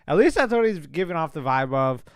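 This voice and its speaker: A man's voice: on the high side, sing-song, fairly quick, smooth, no room sound, studio quality. A young man talking casually as he reacts to a boxing interview, chatty and laughing easily, often restarting his sentences. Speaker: boxing commentator reacting to a clip.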